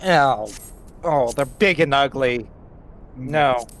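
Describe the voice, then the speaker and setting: A man's voice: mid-range voice, slow, a bit bright, slight background noise. A man chatting casually as he plays a game with friends on a call. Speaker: gamer in a group call. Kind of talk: casual gaming chat.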